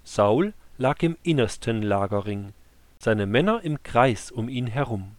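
A man narrating a scripture story in a calm, measured reading. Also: mid-range voice, no echo.

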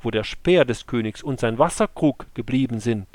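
A man's voice: mid-range voice, lively intonation, normal speed, a little mellow, no room sound, close to an everyday voice. A man voicing an earnest young male warrior in a scripture story, with a raised, pleading delivery.

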